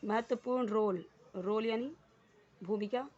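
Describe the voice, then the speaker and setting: A woman's voice: fairly high pitch, unhurried, darkish tone, highs cut off. A woman teaching English word by word, patient and explanatory. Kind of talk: Hindi-medium English lesson.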